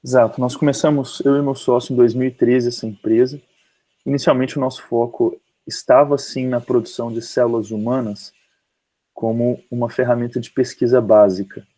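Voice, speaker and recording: Flat, mellow-voiced Brazilian man. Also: mid-range voice, normal speed, poor audio. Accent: Brazilian Portuguese. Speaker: company CEO guest. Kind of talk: online interview. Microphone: video call.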